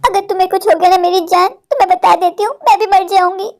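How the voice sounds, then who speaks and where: A woman's voice: extremely high pitch, fairly even intonation, fairly quick. A woman voicing an anxious, possessive village mother in a cartoon, doting and insistent with her daughter. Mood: worried. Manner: doting, insistent, says "meri jaan". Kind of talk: Hindi cartoon voice acting.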